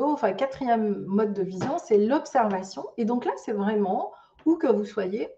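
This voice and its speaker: A woman's voice: medium pitch, warm tone. Woman trainer, dull distant mic. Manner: loose spoken delivery with many fillers and restarts. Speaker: ecotourism business trainer. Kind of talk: online master class talk.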